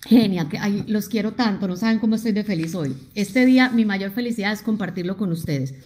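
A middle-aged Colombian woman speaks on a motivational live stream at a pitch typical for a woman. She talks emphatically and animatedly, turning straight to her viewers and reading out their comments. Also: fairly quick, darkish tone. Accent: Colombian Spanish.

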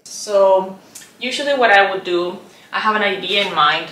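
A thoughtful, soft-spoken Chilean woman in her thirties, a visual artist, reflects in a documentary interview, peppering her speech with "like" and "um." Her medium-pitched voice moves at a moderate pace, picked up by a distant mic in an echoey, roomy indoor studio.

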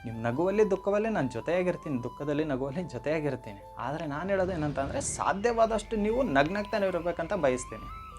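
A man's voice: a little high, animated, fast talker. A man giving an earnest motivational talk straight to his listeners, stressing and repeating his key phrases. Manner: earnest, direct address to listeners. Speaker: motivational speaker. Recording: faint background music.

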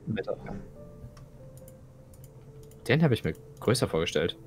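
A man's voice: fairly low pitch, very animated, a little slow, darkish tone, soft background music. A young man playing a video game with a friend, thinking aloud and often repeating words as he searches for them. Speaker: gamer co-playing. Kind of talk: casual gaming chat.

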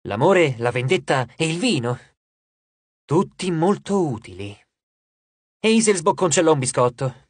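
An audiobook narrator reading a novel in an expressive, measured storytelling manner on a close studio microphone. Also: medium pitch, slightly rough, dry recording.

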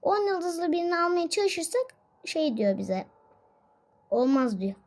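Female gaming host, high pitch, chatty, exclamation-heavy play commentary. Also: unhurried. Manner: chatty and excitable, frequent exclamations and laughs. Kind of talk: casual gameplay commentary.

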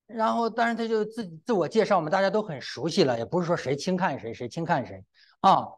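Exclamatory, animated middle-aged male preacher. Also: high voice, quick pace. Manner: exclamatory, often breaks in with "wa", addresses the congregation directly. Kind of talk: sermon with personal testimony.

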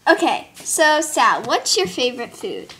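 Hesitant giggly female interviewer, high animated voice, faint noise behind. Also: unhurried. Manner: giggly, hesitant, lots of ums. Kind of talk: amateur role-play interview.

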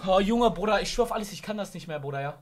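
A young man co-hosting a gaming stream, shouting, joking and trading insults with his partner. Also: sits high, lively intonation, very fast. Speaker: streamer co-host. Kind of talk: loud gaming stream banter.

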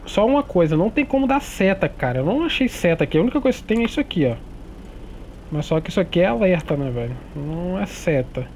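A Brazilian gaming streamer with a fairly high, darkish voice plays a roleplay game, chatting to his viewers in relaxed slang. There's slight background noise.

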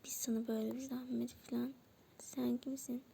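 High-voiced woman narrating a doll story. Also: little pitch movement, fairly quick, creaky, mellow, a little hiss or hum. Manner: voices every character herself. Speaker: channel host narrating a toy role-play story. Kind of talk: narrated doll role-play.

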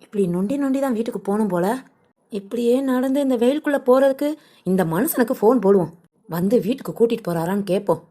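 A gossipy village wife in a cartoon, as a woman voices her. She grumbles and mutters to herself in a high voice, sly and put-upon. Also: fast talker, dark tone, close to an everyday voice. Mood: grumbling. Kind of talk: cartoon voice acting.

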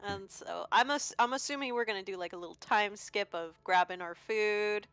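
A woman's voice: medium pitch, moderate pace, fairly bright tone, faint music behind. A woman chatting casually as a player in a tabletop game.

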